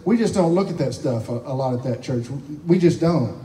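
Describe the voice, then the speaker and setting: A man, a pastor telling a lively testimony story to his church, laughing often as he talks. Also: a little high, a little fast. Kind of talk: sermon testimony. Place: church sanctuary. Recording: echoey hall, from far off.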